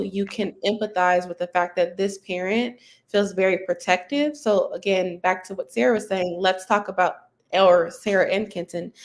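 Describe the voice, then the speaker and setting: A woman teacher speaking earnestly on a virtual panel, reflecting on parent conversations and acting out what she would say. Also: medium pitch. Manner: earnest, reflective, quotes herself in examples.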